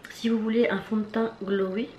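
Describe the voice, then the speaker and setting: A woman's voice: medium pitch, flat delivery, a little fast, dark tone, lo-fi sound. A woman casually reviewing her latest makeup purchases, chatty and hesitant, with lots of fillers and restarts. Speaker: beauty vlogger. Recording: echoey room with faint background noise.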